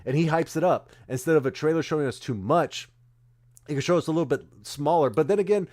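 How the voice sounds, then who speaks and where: A man's voice: on the high side, fast, a little mellow. A man co-hosting a stream, chatting casually about movie trailers and often losing track of names mid-sentence. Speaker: streamer co-host. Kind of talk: casual chat.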